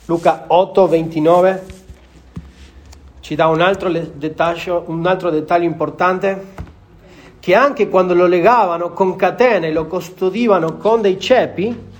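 A man's voice: sits high, a little slow. A man preaching a sermon to a congregation in an earnest manner, often repeating phrases for emphasis.

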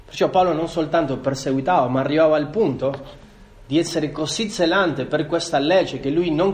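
Guy preaching a sermon, kinda high voice, reads verses then asks the crowd stuff and answers it himself. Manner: addresses listeners directly, asks and answers own questions; reads scripture aloud between comments.

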